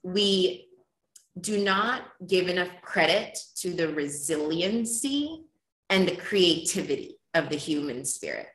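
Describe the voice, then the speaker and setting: A woman's voice: fairly low pitch, expressive, a little slow, a bit bright. A woman from Ethiopia speaking earnestly and passionately as a podcast guest. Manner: earnest, impassioned. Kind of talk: conversational interview. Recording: roomy echo.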